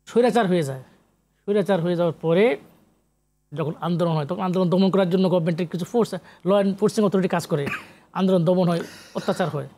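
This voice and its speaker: The speaker is a middle-aged academic, a sociologist and literary researcher with a Bangladeshi accent, appearing as a talk show guest. With a high, mellow voice he gives long, emphatic explanations, repeats phrases and slips in English words.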